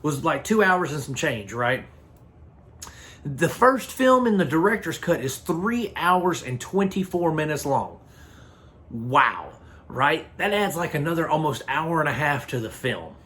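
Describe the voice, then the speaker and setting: A man's voice: a little high, sing-song, a little slow, a bit bright. A man hosting a casual film review, talking bluntly and rambling with frequent restarts. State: hiccups. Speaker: movie reviewer.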